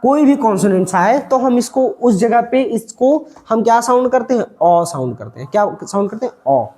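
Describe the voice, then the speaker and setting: Lively, quizzing male English teacher. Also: extremely high pitch. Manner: repeats words and quizzes himself with questions; stretches out key sounds slowly. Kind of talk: pronunciation lesson.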